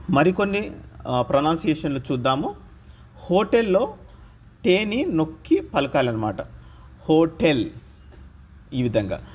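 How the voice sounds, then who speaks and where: A man with a husky, fairly high voice teaches pronunciation in a lively, rising and falling tone. He speaks very slowly, laying out each example word on its own. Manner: slow, deliberate, spells out example words one by one. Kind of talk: scripted lesson narration.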